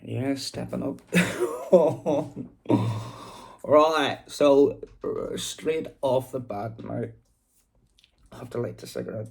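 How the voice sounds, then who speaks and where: A man with a Belfast, Northern Irish accent hosts a boxing vlog, rambling informally into his phone in casual commentary to camera. His voice is medium-pitched with vocal fry, at a measured pace.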